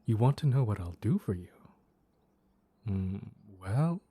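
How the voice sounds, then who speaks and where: A man voicing a mischievous, flirtatious mad cat in an intimate roleplay audio, teasing with coy pet names in a soft, husky purr. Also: fairly low pitch, very animated, measured pace, no room sound, exaggerated voice. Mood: flirtatious, possessive.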